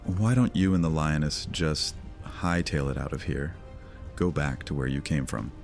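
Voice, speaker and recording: In a horror audio drama, an actor plays a brooding, sardonic vampire lord, taunting and menacing in a deliberate, theatrical delivery. His male bass voice is creaky, and faint music plays behind him.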